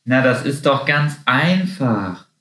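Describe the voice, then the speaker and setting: A man's voice: medium pitch, lively intonation, takes it slowly, sharp tone. A man voicing a chatty little female bunny in a children's story. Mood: knowing. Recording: roomy echo.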